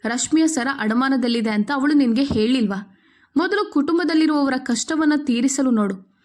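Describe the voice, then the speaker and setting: Bossy, scheming mother-in-law in a storybook reading, harsh and cold, read by a high-voiced woman. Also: normal speed, darkish tone, natural voice. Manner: harsh, scolding.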